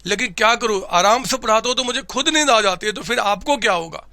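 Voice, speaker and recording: A male commerce teacher giving a classroom lecture, loud and energetic with a sore throat, often shouting and constantly quizzing his students. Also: high-pitched, quick pace, no room sound. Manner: keeps asking students questions.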